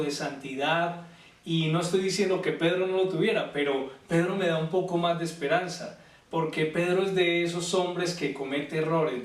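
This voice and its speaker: A man preaching a youth service sermon, telling stories and asking the listeners questions. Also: a little high. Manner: storytelling, acting out biblical quotes, asks the listeners questions. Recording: echoey room, voice from a distant mic.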